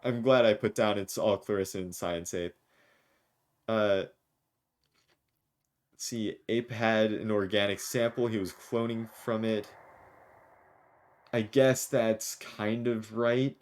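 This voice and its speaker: Slow low-voiced male game streamer. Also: fairly even intonation, a little mellow. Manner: jokey, rambling, reads lines with small voices. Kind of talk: let's play commentary, reading game dialogue aloud.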